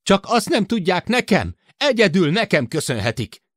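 Man voicing a young man, high-pitched, yelling, bitter, accusing, dry audiobook sound. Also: very animated, no echo. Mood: shrill accusing. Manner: shouting, hissing, near-hysterical.

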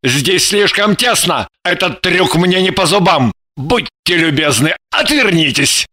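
A woman's voice: lowish voice, lively intonation, a little slow, pushed and bright, exaggerated voice. A woman putting on a grumbling, self-pitying man. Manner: plaintive, grumbling, defensive. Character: sulky, self-pitying man, evasive and sly. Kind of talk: audiobook character voice.

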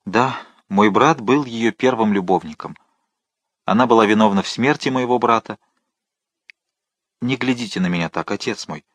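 A man's voice: on the low side, normal speed, pauses often, no echo, natural voice. A man reading as a dying executioner pleading. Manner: pleading, moaning. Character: dying remorseful male executioner begging absolution.

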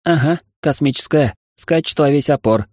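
A man's voice: fairly high pitch, normal speed, a little mellow, dry recording, studio quality, voice pushed up, close to an everyday voice. A man voicing a brash, bossy woman radio operator with a brusque, slangy manner.

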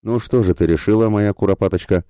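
A man's voice: on the low side, fast talker, dark tone, no room sound, clean studio sound, pitched above the performer's own voice, natural voice. A man voicing a crude, leering bandit of about thirty in an audiobook, mocking and lewd.

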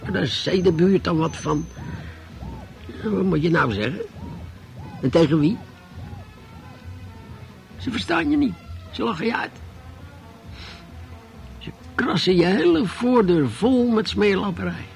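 An actor playing a bitter, sleepless old man in a radio play monologue, halting and repeating words, flaring into indignation. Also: high-pitched, creaky, faint music behind, poor audio.

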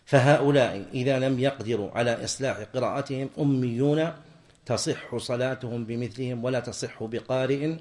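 A man teaches a classroom lesson at an even, middle pitch. He explains each point deliberately and breaks off to toss short questions to his students. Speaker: sheikh teaching jurisprudence. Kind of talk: classroom lesson on Islamic law.

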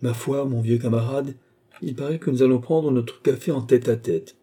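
A man's voice: medium pitch, steady tone, moderate pace, warm tone, slightly rough, voice pushed up, close to an everyday voice. A man voicing a vain, sly and jovial very old marshal in a storybook reading. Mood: gleeful.

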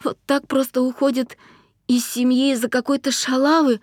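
A woman's voice: expressive, dry recording, studio quality. A woman voicing a distraught young adult daughter who accuses her father and breaks into sobs, in an audiobook. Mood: indignant. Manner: shrill, rapid, breaking into sobs.

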